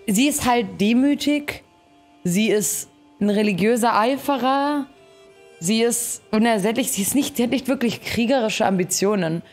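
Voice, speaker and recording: A young adult woman with a slightly mellow, higher-than-average voice streams a game from her indoor setup, chatting at normal speed in casual, slangy language. Game music plays in the background of her gameplay commentary.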